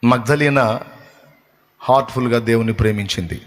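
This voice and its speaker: A man's voice: medium pitch, moderate pace. A man pastor preaching a sermon in an emphatic, repetitive rhetorical style. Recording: long hall reverb.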